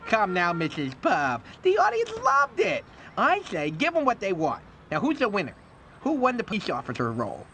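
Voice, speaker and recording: A brisk showbiz director. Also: male voice, high-pitched, wildly swooping pitch, a little hiss or hum, exaggerated voice. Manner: bright, brisk showbiz talk. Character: brisk male show director, upbeat and pushy.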